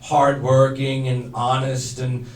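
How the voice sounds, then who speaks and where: A man's voice: medium pitch, flat delivery. A man, co-hosting a live question-and-answer show, joking and laughing with the crowd. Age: 30s. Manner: laughing, teasing, quick asides. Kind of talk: joking banter with an audience. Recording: echoey room, mic at a distance.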